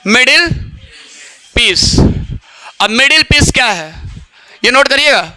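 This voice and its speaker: A man's voice: extremely high pitch, animated, slow, bright, forceful tone, dry recording. A man teaching biology in a classroom lecture, who keeps asking questions and answering them himself.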